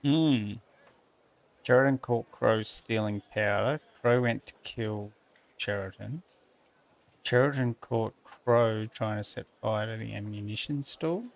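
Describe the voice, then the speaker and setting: Gaming streamer, low gravelly voice, wry muttered asides. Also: male voice, takes it slowly, rough recording. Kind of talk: casual playthrough commentary.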